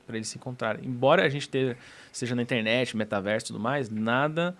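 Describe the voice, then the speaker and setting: A man's voice: mid-range voice, fast talker, a bit bright. A man on a podcast panel, explaining ideas casually by listing them point by point into a studio mic. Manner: explains in enumerated lists.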